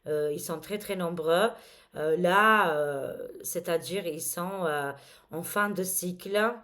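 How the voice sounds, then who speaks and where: Hesitant low-voiced woman tarot reader. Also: slow pace, fairly bright tone. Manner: hesitant, filled with frequent euh and hein, addresses viewers as les amis. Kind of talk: casual tarot reading to camera.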